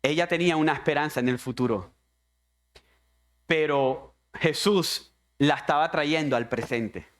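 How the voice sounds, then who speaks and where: A man delivers a fervent sermon in a high, ringing voice. He talks straight to the congregation, pressing each question on them like a brother. The tone stays earnest and urgent throughout. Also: a little slow, a bit bright. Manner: impassioned preaching, addressing the congregation as brother. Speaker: pastor. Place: church.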